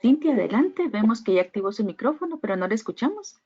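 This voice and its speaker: A woman's voice: fairly high pitch, big pitch swings, fast, mellow, breathy edge, lo-fi sound. A woman moderating an online workshop, reading out questions and handing over the microphone. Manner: brief and courteous.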